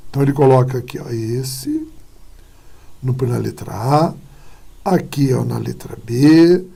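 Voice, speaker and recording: A man teaching a recorded exam-prep lesson, his voice gravelly and a little husky. He keeps checking in with short tag questions as he walks through each answer, explaining patiently. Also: a little high, mellow.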